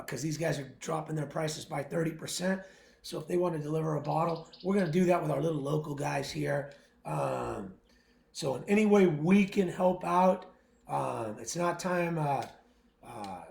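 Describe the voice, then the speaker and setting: Man, winery owner, casual livestream chat, blunt and jokey, fairly high voice, echoey room. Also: gravelly. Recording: roomy echo.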